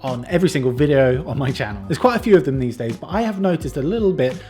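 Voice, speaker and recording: A young man chatting casually on his vlog, self-deprecating and jokey, dropping into quiet mutters for his asides. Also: medium pitch, expressive, fast talker, faint music behind. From Britain. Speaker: YouTuber reacting to a book.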